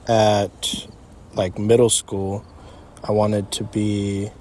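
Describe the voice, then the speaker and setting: Steady insect noise from crickets and night creatures fills the recording as a young entrepreneur in his early twenties speaks from an empty outdoor parking lot. His lowish voice is very slow, casual and reflective, as he works out his phrasing in unscripted talk.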